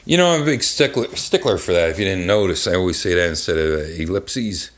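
A man's voice: low-pitched, expressive, fast talker. Rambling man reading a kids' book aloud. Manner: rambling and crude, many fillers and asides. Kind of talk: comedic live book reading with commentary. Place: bar.

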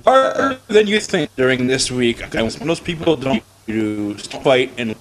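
A man co-hosting a podcast, chatting casually about a film over an online call whose connection keeps breaking up, with a rambling, halting delivery. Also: mid-range voice, big pitch swings, fairly bright tone, slight background noise, low-quality recording. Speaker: podcast co-host. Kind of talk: casual chat retelling a film.

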